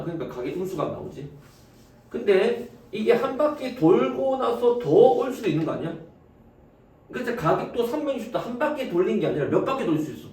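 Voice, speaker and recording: Lively man teaching math in an echoey room. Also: fairly high pitch. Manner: asks students questions and answers them himself; casual speech to students. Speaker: high school math teacher. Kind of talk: classroom lecture. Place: classroom. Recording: echoey room, distant mic, faint noise.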